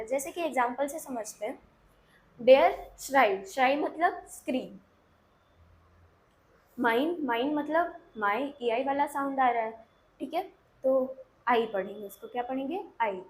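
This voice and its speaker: High-voiced woman teaching German words. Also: slight background noise, low-quality recording. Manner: encouraging, slows down to model each word. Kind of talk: online language lesson.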